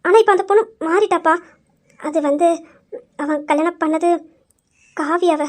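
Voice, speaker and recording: A woman's voice: very high-pitched, normal speed. Woman playing a fretful old grandmother. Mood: worried. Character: fretful elderly grandmother, family elder. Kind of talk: amateur family drama.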